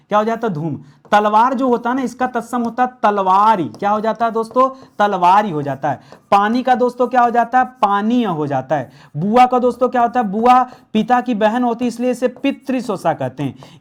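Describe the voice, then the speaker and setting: Hindi grammar teacher, man, self-questioning. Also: very high-pitched. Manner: asks questions and answers them himself; addresses viewers as friends, repeats key words. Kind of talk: online grammar class.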